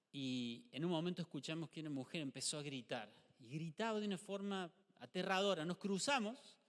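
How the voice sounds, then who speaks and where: A middle-aged male pastor with an Argentine Spanish accent, preaching a lively sermon and asking the congregation rhetorical questions. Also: fairly high pitch. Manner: animated, acts out short dialogues, rhetorical questions to the congregation. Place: church hall. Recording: live church stream with long hall reverb.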